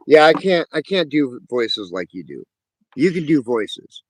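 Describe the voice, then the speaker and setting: A man hosting a live stream in casual chat, joking and rambling, with a quick wit. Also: on the high side, big pitch swings, dry recording. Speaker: stream host.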